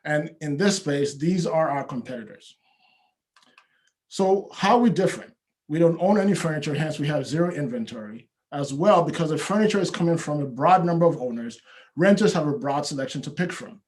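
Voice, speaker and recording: A man, a startup founder, giving a rehearsed pitch over a video call in a steady, scripted way. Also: fairly quick. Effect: heard over a video call.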